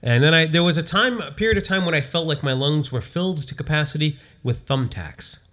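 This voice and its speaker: A man co-hosting a casual comedy podcast, his voice husky, gravelly and congested from a cold, joking dryly in a stop-and-start way. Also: fairly high pitch, fairly quick, fairly bright tone. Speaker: podcast co-host.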